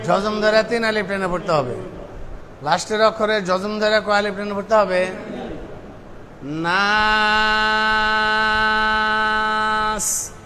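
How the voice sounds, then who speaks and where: High-voiced man slowly drilling recitation. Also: fairly bright tone. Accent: Bangladeshi Bengali. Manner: slow, drawn-out syllables, then quick explanations; chants recited verses. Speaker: Quran recitation teacher. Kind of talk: drilling Quranic pronunciation, call and response.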